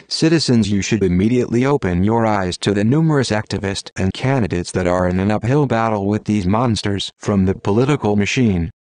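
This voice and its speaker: A man reading a stern scripted public warning as an anonymous activist spokesman, his voice disguised and artificially deepened. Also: a little mellow, dry recording. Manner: stern, measured, declaiming delivery.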